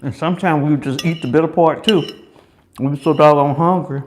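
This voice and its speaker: A man's voice: fairly high pitch, steady tone, a little fast. An American man from Chicago chatting casually as an eating-show host, chewing between phrases, folksy and repeating himself for emphasis. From Chicago, United States. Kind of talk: casual mukbang chat.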